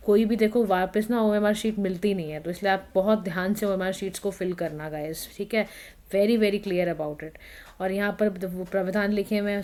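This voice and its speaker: A woman's voice: medium pitch, a little mellow. Chatty woman explaining exam instructions. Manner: chatty, addresses viewers directly with frequent checks like "theek hai na"; mixes English words into Hindi. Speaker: exam prep channel host. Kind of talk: informal instructional talk.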